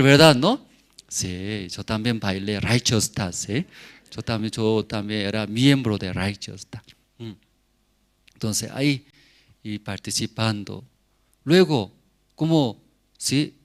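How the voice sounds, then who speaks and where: A man in his forties, a pastor, giving a sermon testimony in halting speech with frequent asides to the congregation. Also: on the low side. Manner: slow, halting non-native Spanish with many asides to the congregation.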